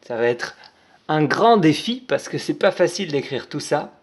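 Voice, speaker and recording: A man's voice: fairly high pitch, animated, normal speed. A man teaching young children to write, spelling out each letter and stroke step by step in a patient, careful way. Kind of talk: handwriting lesson for young children.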